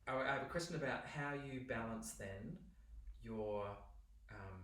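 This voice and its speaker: A man's voice: medium pitch, a little slow, a bit bright. A man hosting an interview, asking rambling, chatty questions and often affirming with "yeah". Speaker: interviewer host. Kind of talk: casual interview chat. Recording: roomy sound, distant mic.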